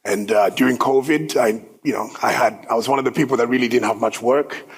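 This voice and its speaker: Upbeat man in his thirties, from South Sudan, husky tone at middle pitch, speaking casually to an event crowd. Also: a little fast, poor audio. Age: 30s. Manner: upbeat, conversational, with filler words. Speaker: guest speaker. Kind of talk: personal story talk. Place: event hall.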